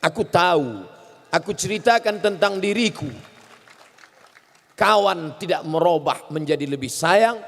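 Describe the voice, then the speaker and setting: A man in his forties preaching a lively, humorous sermon, acting out quotes in the story and shouting at its peaks. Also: high-pitched, unhurried, gravelly, long pauses, some chatter behind. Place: large hall. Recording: hall reverb.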